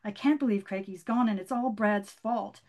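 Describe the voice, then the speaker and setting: A woman's voice: medium pitch, normal speed, close to an everyday voice. A woman reading as an upset girl calling for her lost friend. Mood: sad. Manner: calls out loudly, pleading.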